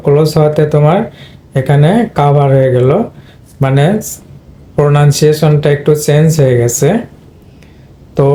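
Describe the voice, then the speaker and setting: A man's voice: on the high side, mellow. A man teaching English pronunciation in an explanatory lesson, repeating points and talking straight to his students. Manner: repeats and addresses students directly.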